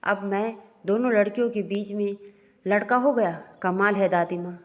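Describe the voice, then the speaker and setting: A woman's voice: medium pitch, steady tone, normal speed, big-room sound, dull audio, natural voice. A woman voicing a young married man who playfully complains to his grandmother in a read-aloud story. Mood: mock-complaining.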